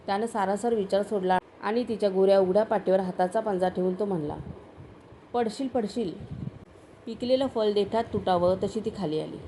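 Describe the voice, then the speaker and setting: A woman reading a story aloud as narrator, steady and measured. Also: medium pitch, slight background noise, rough recording. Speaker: story reader.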